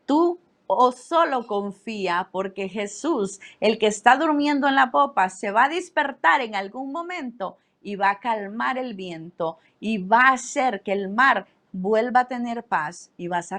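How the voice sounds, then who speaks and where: Woman preacher, impassioned sermon, fairly high voice. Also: fairly bright tone. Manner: impassioned, acts out the disciples' cries in a raised voice.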